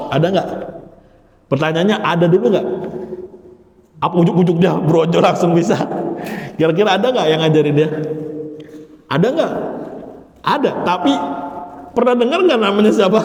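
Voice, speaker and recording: A man's voice: a little high, a little mellow. A man teaching Arabic grammar in a mosque, explaining step by step with joking asides. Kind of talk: classroom lecture. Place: mosque hall. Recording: echoey hall with long reverb.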